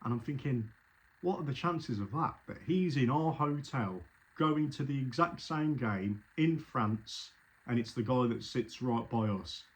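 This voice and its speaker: A man's voice: mid-range voice, expressive, a little slow. Chatty man recalling a match trip. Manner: chatty, rambling, with frequent restarts. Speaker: football fan telling his story. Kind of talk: casual spoken recollection.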